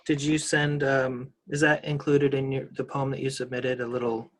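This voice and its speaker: A man's voice: medium pitch, level tone, moderate pace, slight background noise. A man hosting a poetry reading, chatting informally and encouraging the readers. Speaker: event host. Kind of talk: casual chat.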